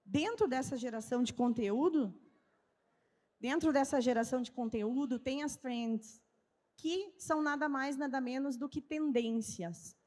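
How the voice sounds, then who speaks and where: A woman with a southern Brazilian gaúcho accent gives a didactic talk at a trade fair, posing questions and answering them herself. Her voice is high-pitched, unhurried and a little mellow, carrying a long reverb through a large event hall with a live audience.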